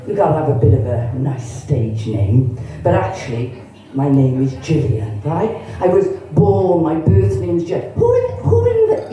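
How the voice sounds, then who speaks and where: Low and dark in tone, the voice belongs to a woman in her sixties from Cardiff, Wales, who uses a Cardiff Welsh accent. On a comedy club stage she delivers bawdy, chatty stand-up and teases the crowd. The venue is echoey, and the mic sounds far off.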